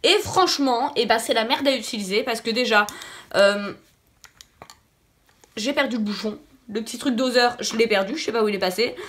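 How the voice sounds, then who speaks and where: A woman with a fairly high voice and a noticeable lisp that makes her s sounds slushy. She sounds a little sick and talks casually to her viewers as a beauty vlogger, repeating words for emphasis. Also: normal speed, fairly bright tone. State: slightly sick voice. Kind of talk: casual product review chat to viewers.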